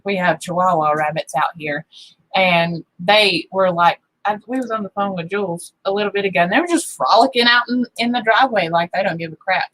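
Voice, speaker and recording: A woman's voice: medium pitch, a little fast, a bit bright, rough recording. Rambling chatty woman. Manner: rambling, chatty, trails off into tangents. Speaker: co-host of a farm livestream. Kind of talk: casual chat. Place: farm home.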